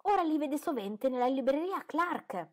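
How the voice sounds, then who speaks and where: Lady doing a boy-crazy teen girl in an audiobook, super high squeaky voice, bouncing all over. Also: expressive, normal speed. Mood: gossipy. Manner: very high, shrill exclamations. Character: giddy teenage girl, flighty and boy-crazy.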